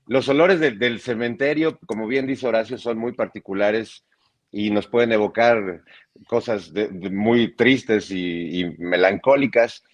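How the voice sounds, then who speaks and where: A man's voice: fairly low pitch, measured pace. A man, a guest on a political panel, talking through extended metaphors and stopping to restart his words. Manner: reflective, talks in metaphors, many restarts.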